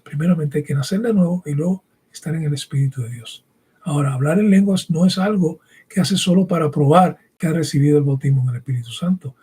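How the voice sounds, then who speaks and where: Speaking fast in a fairly high, mellow voice with a breathy edge, this man gives an emphatic, instructive sermon that includes scripture reading. He grew up bilingual in English and Spanish and frequently checks in with quick rhetorical questions.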